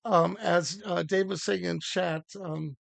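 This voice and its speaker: Man, stream host, halting casual talk, slightly high, very dry close sound. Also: steady tone, gravelly, no room sound. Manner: halting, lots of fillers and restarts. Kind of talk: casual livestream workshop chat.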